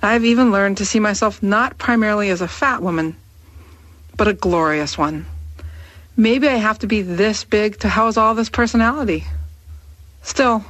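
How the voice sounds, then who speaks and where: A woman in her thirties reading her own personal essay aloud in a candid, wry, measured way. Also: mid-range voice, fairly bright tone, dry recording. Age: 30s.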